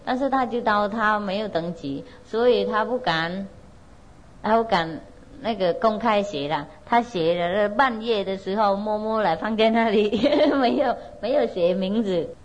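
A woman's voice: mid-range voice, low-quality recording. Woman telling a Zen story, chatty. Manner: loose, conversational, with many fillers and frequent laughs; asks listeners directly to check they follow. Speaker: spiritual teacher. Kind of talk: storytelling lecture to an audience.

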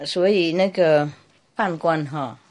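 A woman's voice: low-pitched, takes it slowly, a little mellow. A woman Buddhist master telling a humorous story in a chatty way, laughing and repeating herself.

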